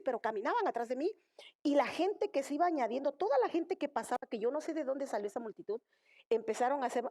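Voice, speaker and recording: Woman, high voice, church testimony, emotional, repeats herself, speaks to the congregation. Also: a little mellow. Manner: emotional, repetitive, addresses congregation directly. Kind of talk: testimony sermon.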